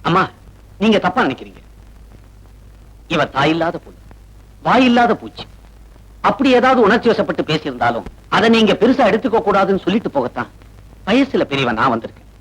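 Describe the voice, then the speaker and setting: An actor playing a dignified, protective older man who speaks in a measured, earnest way. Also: high voice, sing-song, breathy edge, full character voice, rough recording. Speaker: elder relative and mediator. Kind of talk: 1980s Tamil film acting. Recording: film soundtrack with music behind.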